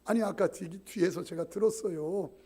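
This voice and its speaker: A man's voice: high-pitched, normal speed, mellow, breathy edge. A man doing a polite, concerned restaurant manager.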